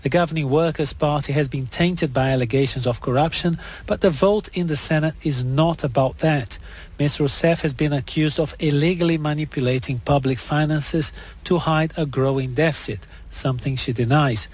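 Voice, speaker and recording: A man's voice: fairly high pitch, moderate pace, husky. A man delivering a scripted report as a foreign news correspondent.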